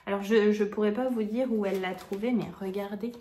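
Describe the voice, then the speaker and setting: A woman's voice: mid-range voice, fairly even intonation, a little fast, warm tone. A woman vlogging casually to camera, gushing and hesitant, restarting her sentences with many fillers. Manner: enthusiastic, gushing.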